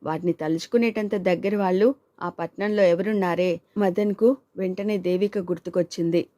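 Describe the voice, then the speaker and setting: A woman's voice: on the low side, fairly even intonation, normal speed, warm tone, dry recording, clean studio sound. A woman narrating a family story as an audiobook and voicing its characters in her own voice. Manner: reads all characters, male and female, in her own voice.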